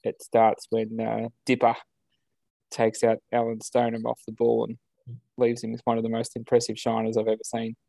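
A man's voice: medium pitch, completely flat delivery, moderate pace, gravelly, mellow, no echo. An Australian man co-hosting a podcast over a video call, chatting casually with lots of ums and uhs. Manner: easygoing, many ums and uhs, chuckles. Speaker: podcast co-host. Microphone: video call setup.

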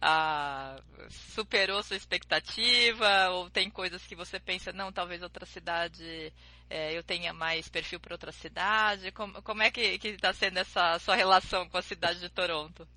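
A woman hosts a podcast interview with a very bright, sharp voice. She asks long, friendly questions that ramble and restart as she goes. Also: lowish voice, normal speed, no echo. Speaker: podcast host, exchange agency consultant. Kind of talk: casual interview chat.

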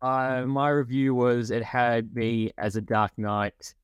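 A man's voice: takes it slowly, clear, resonant tone, no room sound. Man chatting on a podcast, dry sound. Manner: animated, acts out quotes in higher voices. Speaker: podcast co-host. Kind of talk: casual podcast chat.

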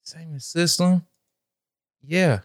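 High-voiced male podcast host, muffled mic with only the lows, dry, cursing and frustrated. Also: drawn-out words, no echo. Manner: profane, exasperated at tech trouble. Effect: muffled mic, bass only. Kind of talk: casual podcast chat.

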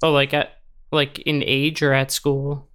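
A woman's voice: rumbling low, level tone, unhurried, a bit bright, clean tone. A woman interviewing someone in a casual, chatty way. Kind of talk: casual chat.

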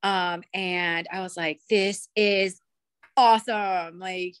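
A woman's voice: lowish voice, fairly even intonation, slow pace, clean tone. A young woman from Cuba, a podcast guest chatting casually in a bubbly, rambling way full of fillers. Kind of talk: casual chat.

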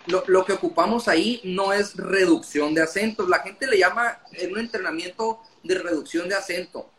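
A man's voice: high voice, normal speed, a bit bright, slight background noise. A man explaining his views in casual conversation, talkative and often breaking off mid-sentence. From Mexico.

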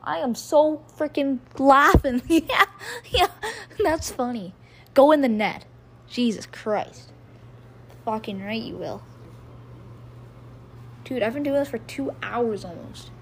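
A woman's voice: a little high, takes it slowly, pauses often, a little hiss or hum. A woman doing casual amateur hockey play-by-play, profane and rambling, laughing at her own jokes.

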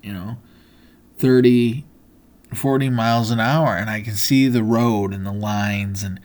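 A man's voice: fairly low pitch, steady tone, measured pace, darkish tone. A man hosting a podcast, telling a personal story in an earnest, motivational way, with many fillers and restarts. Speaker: podcast host.

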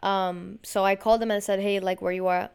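A woman's voice: medium pitch, flat delivery, brisk, gravelly, darkish tone, clear, resonant tone. A woman hosting a podcast, telling a personal story in a rambling, frustrated way, with lots of swearing and slang. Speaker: podcast host. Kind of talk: casual storytelling monologue.

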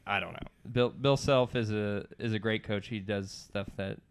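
A man's voice: lowish voice, steady tone, normal speed, a little hiss or hum. A man co-hosting a casual sports podcast, making earnest points backed by stats. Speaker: podcast co-host.

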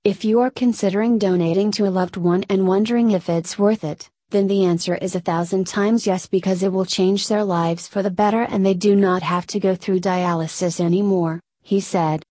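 Reading a scripted feature piece at an even, measured pace, a woman speaks in a relaxed, mellow voice of middle pitch. There is no echo; the sound is very dry.

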